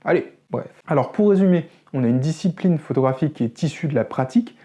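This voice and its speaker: A man's voice: on the high side, animated, quick pace, dark tone. A man with a French accent hosting a photography channel, explaining a topic in a conversational way with self-deprecating asides. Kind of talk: educational talk to camera.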